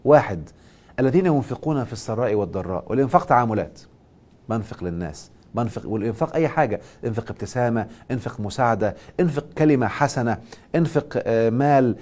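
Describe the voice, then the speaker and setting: A man with an Egyptian accent hosting a live stream, giving a motivational and religious talk and answering viewers' questions. He stresses points loudly, then drops to soft asides. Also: medium pitch, lively intonation, fast talker. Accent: Egyptian Arabic. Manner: emphatic, swings between loud stress and soft asides. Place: live social media stream.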